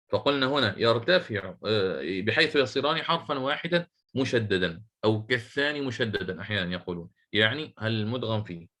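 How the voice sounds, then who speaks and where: A man teaching a class on Quranic recitation rules. He puts questions to his students, repeats key phrases slowly and chants short verses in a measured tone. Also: medium pitch, sharp tone. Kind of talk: classroom lecture on tajweed.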